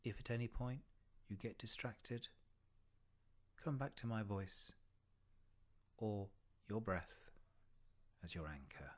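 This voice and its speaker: Here a man with a lowish voice and lively intonation leads a guided body scan. He moves gently and without hurry, placing long pauses after short phrases that fade out breathily.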